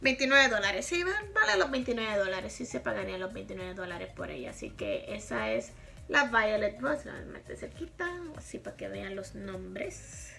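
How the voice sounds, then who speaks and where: Her mid-range voice is expressive and bright, with vocal fry, a forceful tone, and a moderate pace, while faint music plays behind. A woman in her thirties from Puerto Rico, she chats frankly and laughs often in a makeup review vlog filmed in a small bedroom. She has a Puerto Rican Spanish accent.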